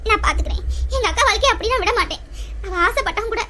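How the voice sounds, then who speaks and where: A woman's voice: very high-pitched, expressive, very fast, bright, forceful tone, slight background noise, exaggerated voice. A woman playing an anxious young woman who defends her family, tearful and pleading in a family drama skit. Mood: resolved.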